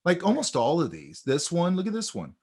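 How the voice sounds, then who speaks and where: A man teaching a sketching class in a relaxed, chatty way, telling stories while he points out details in drawings. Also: fairly high pitch, brisk, breathy edge. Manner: animated, storytelling, talks over drawings. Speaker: art instructor. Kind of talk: casual teaching chat.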